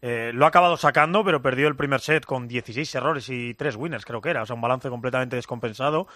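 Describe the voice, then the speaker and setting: A man's voice: medium pitch, fast, fairly bright tone, no room sound, clean studio sound. A man with an accent from Spain giving a conversational live sports report.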